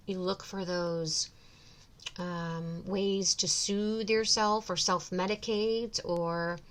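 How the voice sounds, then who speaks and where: A woman giving a tarot reading to her viewers, talking in a soothing way with many ums and pauses. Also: on the low side. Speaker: tarot reader.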